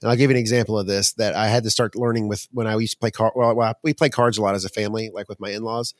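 Fast-talking earnest man, dry sound. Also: on the low side, no room sound. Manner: earnest, animated when retelling frustration. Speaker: podcast co-host. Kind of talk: casual chat.

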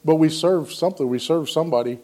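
A man's voice: a little high, fast talker, dark tone. Earnest rambling man sharing faith. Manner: rambling and earnest, with frequent ums and restarts; acts out quoted dialogue in a raised voice. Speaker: lay speaker sharing a devotional. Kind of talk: casual personal testimony.

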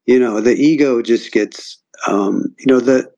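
A man's voice: medium pitch, unhurried, dark tone, highs cut off. A man talking as a podcast guest in a loose, casual way, with many fillers. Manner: loose, filler-heavy talk. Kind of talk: casual conversational chat.

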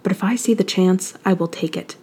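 A woman's voice: on the low side, fairly quick, dark tone, slightly rough. Woman reading as a purring, menacing schoolmaster. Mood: scheming. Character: cold sneering male schoolmaster, menacing and sly. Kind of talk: fan fiction audiobook reading.

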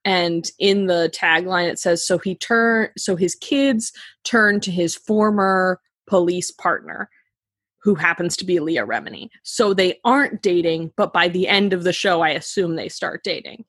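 A woman's voice: mid-range voice, fairly bright tone, slightly rough, no echo, clean studio sound. A woman hosting a casual podcast, chatting and laughing her way through a book rundown with lots of fillers. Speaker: podcast host presenting a book.

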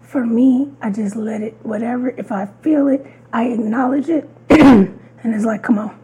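A woman co-hosting a podcast in casual chat, her voice hoarse and husky from a sore throat, candid and playful with frequent laughs. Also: a little high, normal speed, mellow, lo-fi sound. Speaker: podcast co-host.

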